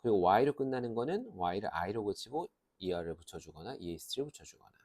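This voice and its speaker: A man with a low voice teaches a grammar class. His pitch rises and falls a lot as he lays out each rule step by step, and he answers the questions he puts to himself. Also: very animated, brisk, a little mellow. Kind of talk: lecture.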